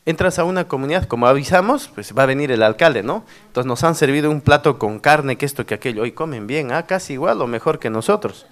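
A middle-aged man gives an anecdotal workshop talk. His voice sits at an ordinary pitch, and his delivery swings up and down as he tells stories. He keeps checking in with the audience through tag questions. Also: fast, few pauses. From Peru, Cusco region. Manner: animated storyteller with frequent tag questions. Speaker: former district mayor giving a workshop talk.

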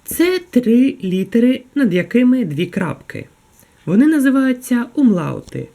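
Slow, careful woman teaching. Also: fairly high pitch, big pitch swings, warm tone. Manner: pronounces letters slowly and asks learners to repeat. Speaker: German language teacher. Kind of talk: slow, careful beginner language lesson.

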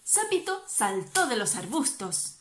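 A woman reading a children's story aloud in a lively, expressive way, then asking parents questions about it. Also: fairly high pitch, unhurried. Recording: echoey room.

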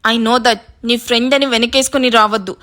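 A woman voicing an angry, proud young woman in a hospital bed who shouts sharp commands. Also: on the high side, fairly even intonation, moderate pace, lightly acted.

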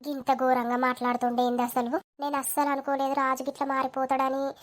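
A woman's voice: sits high, completely flat delivery, brisk, natural voice. A woman voicing a tearful, defensive village woman with a Telangana accent. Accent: Telangana Telugu. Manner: defensive, wounded. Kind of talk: animated village comedy dialogue.

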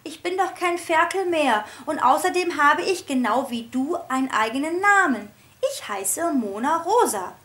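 A cheerful little female pet pig from a children's storybook chatters eagerly in a high, squeaky voice, as the woman reading puts her on. She is talkative and bouncy, jumping up and down in pitch. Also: animated, normal speed, fairly bright tone.

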